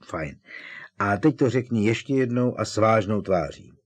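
A man's voice: on the low side, animated. Harry, an incredulous teenage wizard, read by a man. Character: puzzled teenage wizard boy, sensible.

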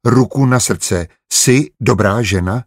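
A proud, stubborn young husband, as a male reader acts him out, holding himself stiffly in check. His husky voice sits near the reader's own. The recording is dry and close. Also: medium pitch, dry recording. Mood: restrained. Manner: stiff, restrained. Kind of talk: audiobook character voice.

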